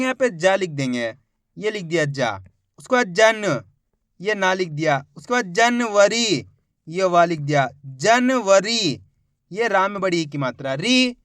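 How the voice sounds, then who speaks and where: A man teaching beginners to read and write, patiently repeating each word slowly and breaking it into syllables. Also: high voice, sharp tone, clear, resonant tone, dry recording, clean studio sound. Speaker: Hindi reading teacher. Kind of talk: spelling lesson for beginners.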